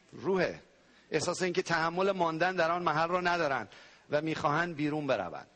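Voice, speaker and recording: High-voiced man preaching animatedly. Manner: animated preaching, sound effects and sudden loud cries. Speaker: pastor. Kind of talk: sermon.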